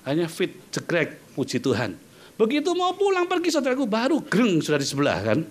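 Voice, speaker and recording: A male pastor delivers a sermon in a church. His voice sits high and leaps widely, rising and falling as he calls out to his listeners. He tells stories in a chatty way, with playful asides. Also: fairly quick, a little hiss or hum. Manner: lively preaching, often calling out to listeners, playful asides.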